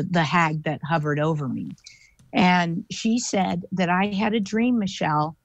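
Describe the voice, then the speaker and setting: A woman, a guest paranormal investigator, telling a story in an animated, chatty way with lots of fillers. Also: on the low side, no room sound. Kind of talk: casual storytelling interview. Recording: dull lo-fi dry audio.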